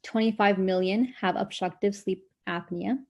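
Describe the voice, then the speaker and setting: A woman's voice: mid-range voice, steady tone, normal speed. A woman in her twenties from Brooklyn, a nursing student reading a health presentation on a video call with small hesitations. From Brooklyn, New York, US. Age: 20s. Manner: reads statistics with small "um" fillers.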